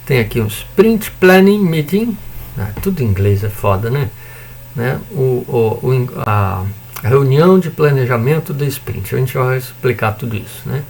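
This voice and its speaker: A man with a Brazilian Portuguese accent lectures informally on a recording, his medium-pitched voice gravelly and darkish, his intonation lively and his pace measured. As a university lecturer he explains conversationally, leaning on tag questions and tossing in joking asides and the occasional mild swear.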